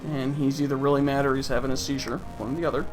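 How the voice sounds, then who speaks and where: A man's voice: mid-range voice, flat delivery, racing, music in the background. A man casually commenting on his own gameplay with wry, offhand, sarcastic asides. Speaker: let's play host.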